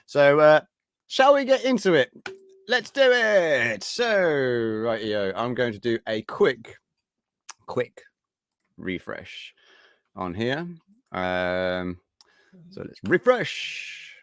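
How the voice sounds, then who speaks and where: A man's voice: mid-range voice, no room sound, studio quality. Rambling upbeat British man hosting. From Britain. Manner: upbeat, rambling, many fillers. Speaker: live-stream show host. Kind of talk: casual live-stream chat.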